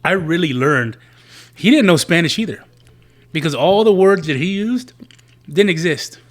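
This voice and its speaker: A man hosting a podcast, asking questions and chatting in a relaxed, joking way. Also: a little high, normal speed. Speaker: podcast host. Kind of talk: casual conversation.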